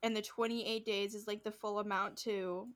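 A woman's voice: mid-range voice, moderate pace. A woman co-hosting a podcast, casually recapping a show and acting out the people in it, swearing freely. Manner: animated, acts out quotes, swears casually. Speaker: podcast co-host.

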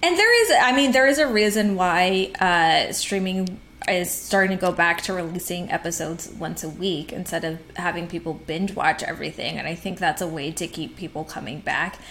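A woman co-hosting a film podcast in casual chat, upbeat and quick to laugh. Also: on the low side, fairly bright tone, slight background noise. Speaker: podcast co-host.

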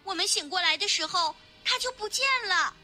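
Anxious young palace maids, played by a woman in a storybook, squealing very high and breathless. The voices are bright and sharp, and the words tumble out fast. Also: lively intonation, soft background music, heavily acted. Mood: frantic.

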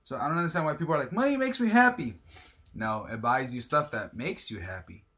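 Animated, emphatic man with a Filipino accent. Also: medium pitch, quick pace. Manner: opinionated, emphatic, repeats himself. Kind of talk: casual group debate. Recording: music behind the voice.

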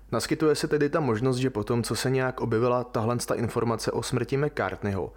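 Casual male podcast host. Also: medium pitch. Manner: informal, colloquial, musing.

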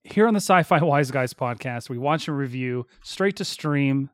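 A man's voice: medium pitch, lively intonation, moderate pace, no echo, studio quality. A man hosting a podcast in casual, teasing banter. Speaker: podcast host.

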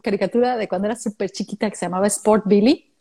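A woman's voice: medium pitch, steady tone, fast talker, dark tone, husky. A woman with a Mexican accent hosting a casual podcast, chatty and anecdotal, often murmuring "ujú". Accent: Mexican Spanish. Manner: chatty storyteller, acts out quotes, says "ujú" often. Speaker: podcast host.

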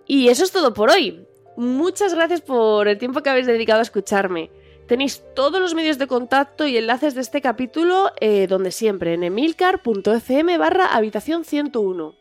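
A woman's voice: sits high, expressive, normal speed, soft background music. A woman, hosting a book recommendation podcast in a chatty, reflective way with frequent filler words. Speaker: podcast host.

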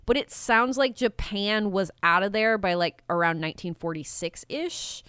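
Sarcastic young woman with a smooth, dry voice. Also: mid-range voice, lively intonation, fairly bright tone, dry recording. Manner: sarcastic, swears freely, mimics historical figures in quick asides. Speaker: podcast co-host presenting the episode's research. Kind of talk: casual comedic history chat. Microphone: video call.

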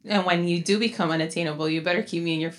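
Low-voiced, affirming woman podcast host. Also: fairly even intonation, rapid-fire. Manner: affirming, laughs easily. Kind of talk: casual podcast interview.

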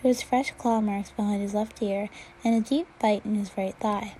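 A woman reading a fan fiction chapter aloud at a steady pace, now and then stumbling and restarting a word. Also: medium pitch, normal speed, slight background noise, poor audio. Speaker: reader.

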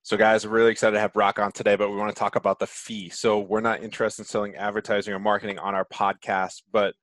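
A man's voice: fairly low pitch, little pitch movement, fast, fairly bright tone, no room sound. A man hosting a podcast in a casual, informal and enthusiastic way. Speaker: podcast host.

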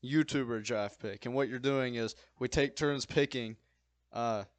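A man's voice: mid-range voice, unhurried, no room sound. A young man co-hosting a casual podcast, speaking hesitantly with many fillers and laughing often. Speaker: podcast co-host. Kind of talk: casual chat.

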